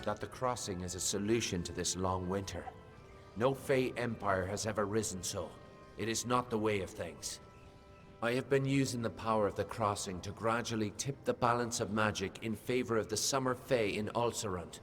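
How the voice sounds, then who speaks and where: An actor playing a calm, coldly menacing male fey lord in a video game, speaking in a measured, quietly threatening way. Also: fairly low pitch, natural voice. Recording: long reverb with game music behind.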